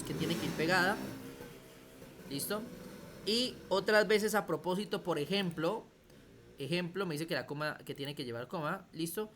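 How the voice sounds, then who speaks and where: A man's voice: high-pitched, a bit bright, a little hiss or hum. A man teaching a computer class over a video call, explaining step by step and often checking that students follow. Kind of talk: online class lecture.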